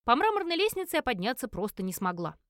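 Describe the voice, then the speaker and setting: A woman reading a first-person audiobook in an expressive storytelling manner, close to the mic. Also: a little high, fast, no room sound. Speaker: narrator.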